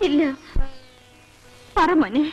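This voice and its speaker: An actress playing a mother gently coaxing her little son to tell her something in a film drama. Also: sits high, animated, extremely slow, soft background music, full character voice. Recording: dull lo-fi old film audio.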